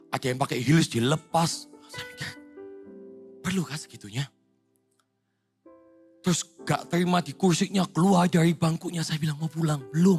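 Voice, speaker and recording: A young man preaching a youth sermon, sharing his own testimony, swinging from loud exhortation to hushed confession. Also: fairly high pitch. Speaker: pastor. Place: church hall with live music.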